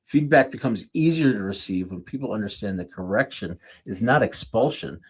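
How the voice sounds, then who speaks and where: Male speaker, husky and low-pitched, conversational sermon, off-the-cuff with quick self-corrections. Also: animated. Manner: off-the-cuff, corrects himself mid-sentence. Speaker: speaker at a live church series. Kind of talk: conversational sermon with jokey asides.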